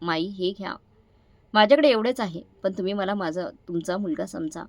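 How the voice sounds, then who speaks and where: Woman playing a humble male watchman, earnest and gentle, dry close recording. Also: mid-range voice, normal speed, no room sound, natural voice.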